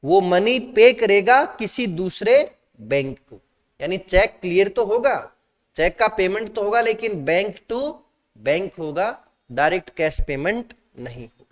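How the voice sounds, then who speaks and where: A man's voice: high voice, sing-song, a little slow, big-room sound. A man teaching a class, asking students questions and mixing Hindi with English terms. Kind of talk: classroom lecture.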